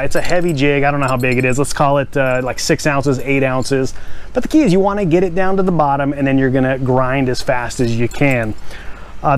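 A man in his forties hosting a casual fishing how-to outdoors in a backyard, energetic and plainspoken, repeating the key steps. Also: mid-range voice, smooth. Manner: energetic, gestures while holding a rod. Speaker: fishing channel host.

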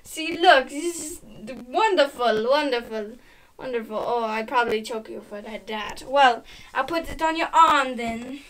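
A woman's voice: high-pitched, normal speed, hardly any pauses, a bit bright. A woman playfully fussing over a friend in a home video challenge, teasing and giggly.

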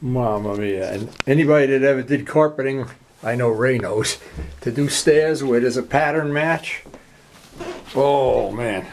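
A man talks his way casually through a garage motorcycle project, loose and rambling, tossing in jokey asides. His voice sits at an ordinary middle pitch. A faint hum of room noise runs behind him on the camera mic. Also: a little slow. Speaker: motorcycle DIY vlogger. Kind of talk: casual workshop vlog.

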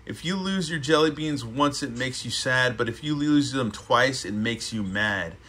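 Man reading grumpy boy, storybook, indignant grumble, crisp bright tone. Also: medium pitch, normal speed. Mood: grumbling. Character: grumpy young boy mad about jelly beans.

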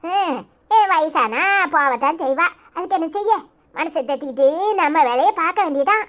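A woman voicing a grieving, defensive old village grandmother with a Tirunelveli Tamil accent, speaking low and weary in a cartoon. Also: lively intonation, normal speed, fairly bright tone. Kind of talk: cartoon voice acting.

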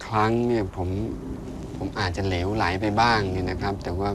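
An actor playing a nervous, polite young suitor who stammers and hesitates in a TV drama. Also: male voice, on the low side, steady tone, brisk, background noise, lightly acted. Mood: earnest. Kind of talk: Thai TV soap acting. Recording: music score underneath.

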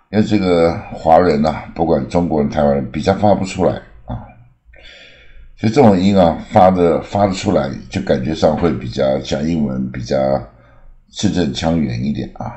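A man, older, teaching English words in a slow explanatory lesson with frequent filler sounds and drawn-out example words. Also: extremely low pitch, warm tone. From Taiwan.

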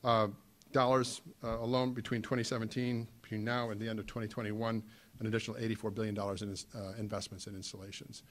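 Middle-aged male panelist, lowish pitch, podium mic, filler-heavy delivery. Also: level tone. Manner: halting, many fillers and restarts. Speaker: trade association panelist. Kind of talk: conference panel talk. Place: meeting room, indoors.

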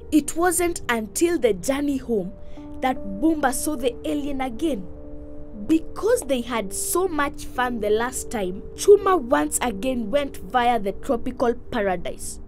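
A woman narrating a children's cartoon story, building suspense as she goes. Her voice sits fairly high, with soft music playing underneath.

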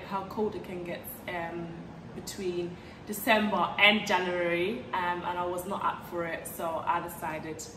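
A young Ghanaian woman with a medium-pitched voice gives casual advice in a vlog, chatting with frequent "um"s while seated on a sofa in a bright living room. A fixed camera set back from her captures the sound, which is roomy and distant with background hiss.

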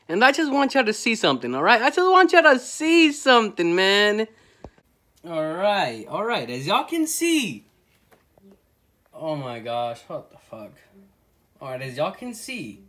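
A man's voice: high-pitched, a bit bright. A man from Oklahoma City ranting straight to his viewers in a heated, profane video commentary. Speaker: sports fan vlogger.

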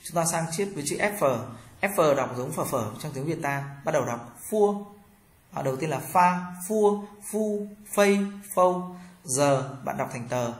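A man's voice: mid-range voice, animated. Man teaching pronunciation in an echoey room. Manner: slow, drawn-out model syllables for learners to repeat. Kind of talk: classroom pronunciation lesson.

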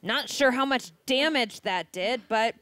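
A woman's voice: fairly high pitch, a little slow, a bit bright. A woman giving colour commentary on a live wrestling match. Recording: clear background noise.

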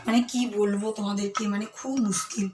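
Hoarse woman chatting fast to viewers. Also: mid-range voice, fairly even intonation, background noise. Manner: chatty, addresses viewers directly. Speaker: lifestyle vlogger. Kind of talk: casual home vlog narration. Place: home kitchen and balcony.

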